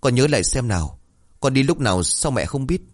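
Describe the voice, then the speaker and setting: A man's voice: medium pitch, lively intonation, a little fast, pitched above the performer's own voice, lightly acted. A man voicing an anxious, deferential middle-aged mother in a read-aloud story. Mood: worried. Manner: pleading, deferential.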